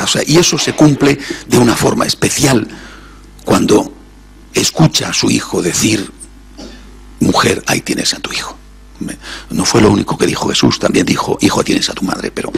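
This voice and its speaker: A man, a priest, giving a reflective sermon, sometimes dropping to soft near-whispers and rising for emphasis. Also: medium pitch, vocal fry, slightly rough.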